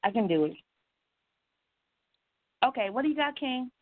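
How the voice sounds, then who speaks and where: A woman's voice: high-pitched, lively intonation, moderate pace, no room sound. A woman calling into a radio show over a phone line, cheerful and giggly. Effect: call-in voice over a phone line.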